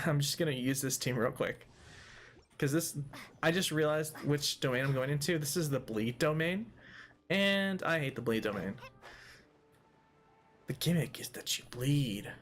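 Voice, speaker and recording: A man's voice: fairly high pitch, expressive, a little slow, long pauses, fairly bright tone. Jokey man rambling through a game. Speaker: let's play host. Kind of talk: casual gameplay commentary.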